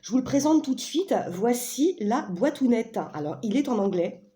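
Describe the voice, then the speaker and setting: Une femme présente un jeu d'oracle en causerie décontractée, joueuse et bavarde, avec beaucoup d'hésitations. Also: female voice, a little high, sing-song, quick pace, dark tone. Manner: chatty, playful, frequent fillers and self-corrections. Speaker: vlogger presenting an oracle deck. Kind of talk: casual chat.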